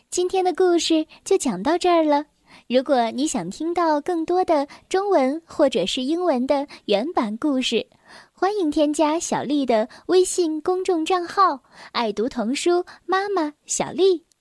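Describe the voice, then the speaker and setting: Woman reading bedtime stories to kids, high and unhurried, gentle, close dry mic. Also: no echo. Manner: gentle, slow, clear storytelling voice. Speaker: children's story reader. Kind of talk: reading a children's story aloud.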